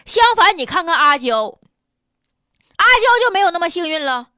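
A woman's voice: very high voice, very animated, normal speed, bright, forceful tone, no room sound, studio quality. A woman with a Northeastern Chinese accent hosting a colloquial comic commentary show in a chatty, sardonic, folksy manner. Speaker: radio show host.

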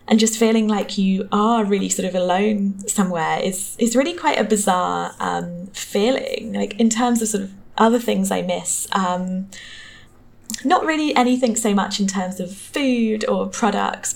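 Creaky-voiced young Home Counties Englishwoman. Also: medium pitch. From Hertfordshire, England. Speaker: interview guest. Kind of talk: casual conversational interview.

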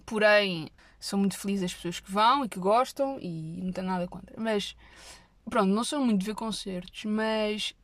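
A young woman with a European Portuguese accent, telling comic stories straight to her viewers in an animated, exaggerated way. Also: mid-range voice, normal speed, no room sound. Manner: animated, exaggerated storytelling, dropping her voice for asides.

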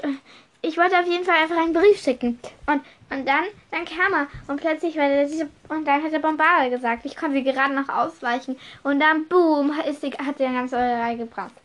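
A whiny, stuttering wizard schoolboy, put on by a woman narrator. He talks high and loud, tripping over his words as he complains. It has the feel of a spoken storybook. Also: flat delivery, brisk, few pauses, natural voice. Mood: whining. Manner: stuttering, whining.

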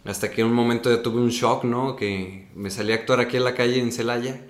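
A man's voice: mid-range voice, a little fast, roomy sound. A young man with a Mexican accent, telling his acting story in a casual interview, ending many phrases with "¿no?". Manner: animated storyteller, tags sentences with "¿no?".

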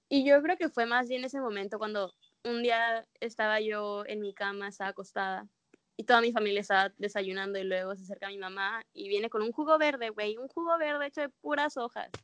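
A woman's voice: medium pitch, steady tone, moderate pace, no echo. A young woman from Mexico with a Mexican Spanish accent, speaking in a casual chat and candidly telling a personal story, full of slang.

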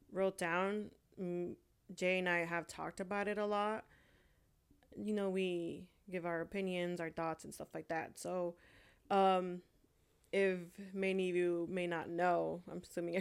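Soft-toned young woman chatting hesitantly. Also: lowish voice, clean tone. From Honduras. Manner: hesitant, many fillers. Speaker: co-host. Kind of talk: casual chat.

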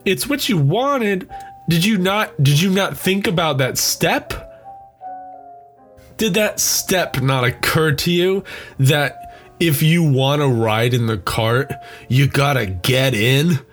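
A man's voice: a little high, expressive, slow, fairly bright tone, faint music behind. A young man rambling through a comedic monologue, often laughing at his own jokes.

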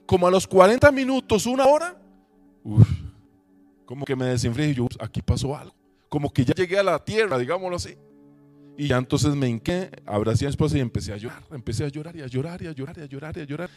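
A man preaching a sermon in church, telling a personal testimony with emotion, rising to loud preaching and dropping to hushed recollection. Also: a little high, big pitch swings, fast, faint music behind. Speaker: pastor. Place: church service.

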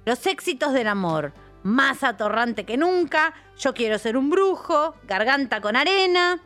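A woman's voice: high-pitched, big pitch swings, unhurried, fairly bright tone, soft background music. A woman with an Argentine accent co-hosting a casual comedic radio chat, playful and jokey. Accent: Argentine Spanish. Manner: playful, jokey, reads list aloud. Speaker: radio show co-host.

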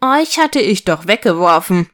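A woman voicing a good-natured older father in a storybook who speaks in a low murmur. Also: big pitch swings, measured pace, a bit bright.

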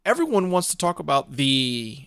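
Man, podcast co-host, a bit high-pitched, playful mock outrage, dry close recording. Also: wildly swooping pitch, normal speed, fairly bright tone, smooth, no room sound. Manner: playful, mock-indignant ranting. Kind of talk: casual chat.

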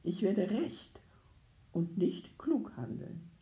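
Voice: medium pitch, big pitch swings, slow pace, warm tone, whispered, poor audio. A reader voicing a loyal, tender-hearted young male servant in a literary audiobook, speaking fervently and with devotion.

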